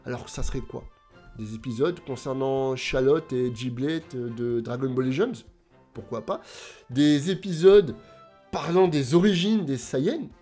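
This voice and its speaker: A man's voice: medium pitch, unhurried, mellow, faint music behind. A man hosting his own video channel, chatting casually and animatedly straight to his viewers. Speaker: YouTube host.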